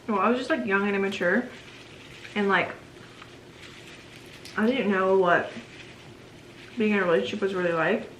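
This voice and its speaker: A woman's voice: mid-range voice, normal speed, long pauses, a bit bright. Chatty young woman in an echoey room. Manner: chatty, says "like" a lot. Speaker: vlogger and host. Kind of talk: casual Q&A chat while eating. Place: home room. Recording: echoey home room with noise.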